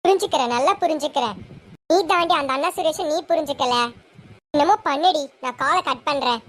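A woman's voice: sits high, a little fast, a bit bright. A woman playing a blunt scolding schoolgirl friend.

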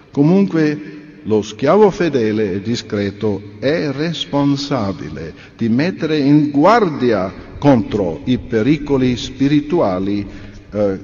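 A man delivering a sermon in an earnest, measured way, full of rhetorical questions to his listeners. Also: mid-range voice, warm tone. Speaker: speaker at a religious convention. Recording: dull reverberant recording.

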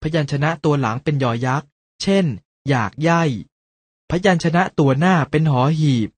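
A man's voice: on the high side, a little mellow, dry recording. A man narrating a school lesson for young children, carefully reading out words and their pronunciations. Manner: slow, careful word-by-word reading aloud. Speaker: teacher.

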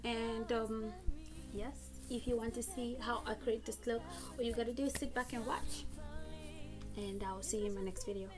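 A woman's voice: on the high side, steady tone, normal speed. A young woman chatting casually as a beauty vlogger giving a makeup tutorial, recorded on a phone in a room at home. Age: young adult. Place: small room at home, indoors. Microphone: smartphone at about arm's length. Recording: music playing behind the voice. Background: background music.

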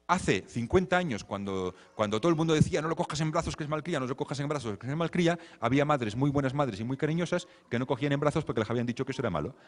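A man gives a lecture while commenting on a video. He talks in a lively, wry way and acts out what the children and mothers say. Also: mid-range voice. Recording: long hall reverb.

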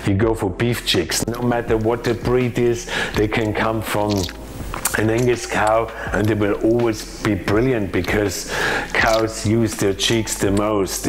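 Chef in his forties, slightly low voice, explains recipes eagerly to camera in a kitchen. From Austria. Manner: chatty, emphatic, explanatory. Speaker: chef and cooking teacher. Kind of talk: cooking lesson. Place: home kitchen, indoors.

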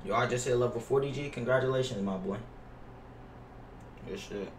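This young adult American livestreamer chats casually with viewers while playing a basketball game at his indoor gaming setup, complaining, cursing and using slang. He has a medium pitch and moderate pace, and the mic sounds roomy and distant with faint noise.

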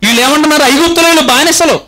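Male preacher, very high and bright tone, emphatic, question-driven sermon delivery. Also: very fast, low-quality recording. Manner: rhetorical questions to the congregation; animated, emphatic repetition.

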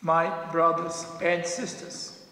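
A male priest speaks from a church lectern in a high-pitched voice. His delivery is very slow, solemn and deliberate, each short phrase set apart. Cathedral echo with a long reverb hangs on every word. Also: completely flat delivery, gravelly, bright, forceful tone. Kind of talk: solemn scripture reading and homily. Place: large brick church, indoors.

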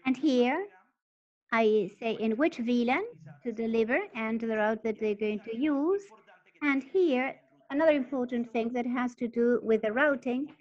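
A woman with a somewhat high voice walks through a technical setup in halting, stop-start phrases. Her delivery keeps pausing and picking up again. The sound is dull and lo-fi, like a muffled webinar feed. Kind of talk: technical presentation.

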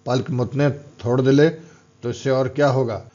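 A man reads as a harsh, bullying strongman in a storybook, his voice at a middling pitch and slightly dull on a lo-fi recording. He scolds and taunts in a rough, commanding manner. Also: fairly even intonation, a little slow, dark tone, close to an everyday voice. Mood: taunting. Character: gruff older male strongman mentor, stern and mocking.

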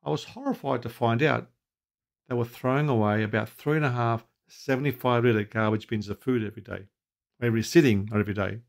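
A man's voice: medium pitch, fairly quick, vocal fry. Man, 60s, consultant explaining kitchen practice to camera; plain, practical, anecdotal delivery. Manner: practical, anecdotal, asks viewers questions. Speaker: restaurant consultant. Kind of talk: advice video to camera. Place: home office with bookshelves, indoors. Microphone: webcam at desk.

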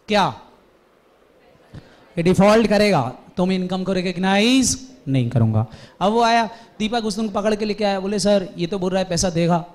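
A high-voiced man teaches a commerce class in a classroom lecture. He tells lively, animated stories and keeps quizzing his students with rapid questions.

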